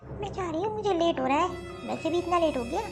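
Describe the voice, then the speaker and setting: A woman's voice: extremely high pitch, lively intonation, fast, creaky, music in the background, exaggerated voice. A woman voicing a rude, bossy young working daughter-in-law in a cartoon story. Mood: scolding. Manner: scolding, bossy, dismissive. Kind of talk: Hindi cartoon dialogue.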